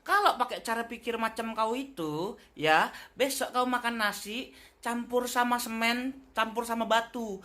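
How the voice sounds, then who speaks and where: A man's voice: very high voice, moderate pace, sharp tone. A man, a comedian in a comedic Q&A rant who answers viewer questions with exasperated, mock-angry scolding.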